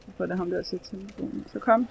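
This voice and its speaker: A woman giving excitable let's play commentary, swearing and shrieking as she plays. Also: medium pitch, gravelly, noisy background. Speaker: gamer.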